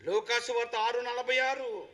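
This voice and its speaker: A man preaching a sermon, firing rhetorical questions at the listeners and repeating words for emphasis, swinging between loud exhortation and quiet asides. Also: very high-pitched, steady tone, moderate pace.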